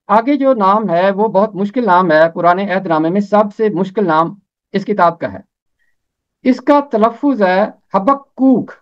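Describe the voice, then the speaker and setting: A man teaching a pronunciation lesson, slowly spelling out vowel marks and repeating each name. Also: high voice. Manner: slow, careful spelling out of diacritics and repeated names. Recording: dull lo-fi recording.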